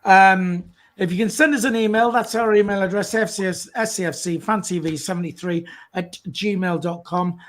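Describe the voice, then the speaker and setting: A man hosting a casual live stream, talking haltingly with many "uh" fillers. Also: high voice, fairly even intonation. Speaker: host.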